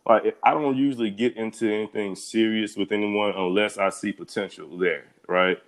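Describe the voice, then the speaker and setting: Low-voiced slangy man, laid-back. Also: steady tone, moderate pace. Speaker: podcast guest. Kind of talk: casual chat.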